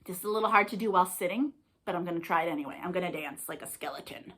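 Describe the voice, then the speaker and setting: A woman with a lowish, fairly bright voice talks in rapid-fire bursts as she hosts an interactive storytime for young kids. A librarian leading a read-aloud and singalong, she stays playful and encouraging, often asking her young listeners questions.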